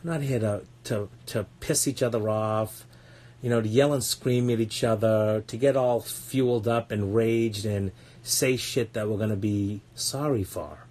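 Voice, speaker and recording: A man's voice: fairly low pitch, fairly even intonation, a little slow, darkish tone. A man talking as a parenting coach on a casual podcast, blunt and earnest, swearing often and repeating words as he searches for them.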